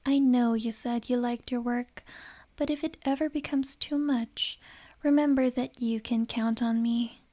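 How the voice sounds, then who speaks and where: In an ASMR romance roleplay, a woman plays a wealthy, possessive noble lady in a doting mood. Her fairly high, very soft-edged voice is breathy, unhurried and refined, with fairly even intonation, and a gentle politeness masks her menace.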